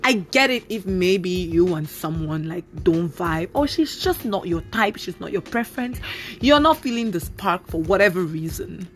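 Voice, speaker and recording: Woman, 30s, solo podcast host; casual and animated, lower voice, faint music underneath. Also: moderate pace. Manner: chatty, animated, with many fillers.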